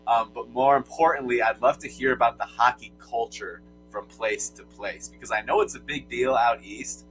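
A young man from Michigan co-hosts a sports podcast, hyping up his guest with upbeat energy. His pitch sits in a middle range, and faint music plays underneath him. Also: steady tone, normal speed, a bit bright, low-quality recording. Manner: upbeat, hype-man delivery. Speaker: podcast co-host. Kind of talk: casual sports podcast chat.

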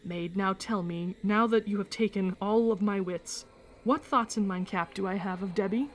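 A man's voice: high voice, moderate pace, a little hiss or hum, lightly acted. A woman reading a playful old-fashioned countryman. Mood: serious. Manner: archaic, theatrical phrasing. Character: teasing old-fashioned village man, archaic speech.

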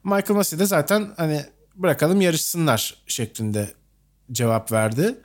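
A man's voice: on the high side, very animated, normal speed, darkish tone. A man co-hosting a casual talk show, agreeable and laughing lightly as he talks. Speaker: podcast co-host. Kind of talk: casual conversational commentary.

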